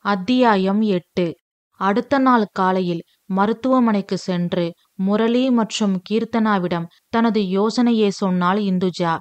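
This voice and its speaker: A woman storyteller reading a story aloud in steady, even audiobook narration. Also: mid-range voice, dry recording, muffled recording.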